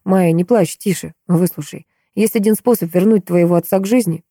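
A woman reading an audiobook, voicing a calm, soothing male vampire. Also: on the low side, fairly quick, dry recording, studio quality.

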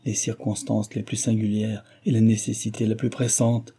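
A man voicing an impetuous young gentleman who pleads with ardent warmth. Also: fairly low pitch, level tone, moderate pace, breathy edge.

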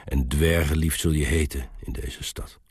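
A man plays a gruff old soldier keeping watch at a gate in a storybook tale, booming and blunt. The voice is very deep and breathy, recorded dry and close. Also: fairly even intonation, normal speed, no room sound. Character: gruff old male soldier gatekeeper, lonely.

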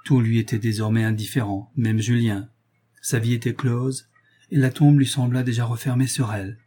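A man reads a classic novel aloud in a measured, dramatic audiobook narration. His voice is husky and mellow, with a mid pitch. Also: steady tone. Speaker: audiobook reader.

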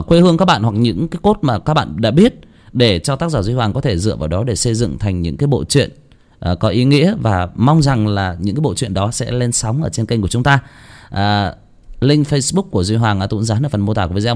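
A man, a channel host, reading a village ghost story and pausing with fillers between phrases. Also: lowish voice. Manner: hesitant, many fillers in the intro.

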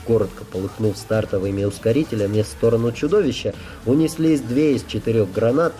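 A man reading an audiobook as its narrator, in steady, even scripted narration. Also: medium pitch, brisk, faint music behind.

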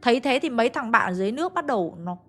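A woman tells a ghost story in a chatty, confiding way, turning often to her listeners. Her voice sits a little high. Faint music plays underneath. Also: expressive, very fast, fairly bright tone. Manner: chatty, addressing listeners directly.

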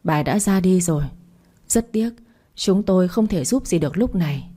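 A man's voice: high-pitched, lively intonation, normal speed, dark tone. A woman voicing a grave young male hospital doctor in a storybook reading, speaking in formal, clipped medical terms. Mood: somber.

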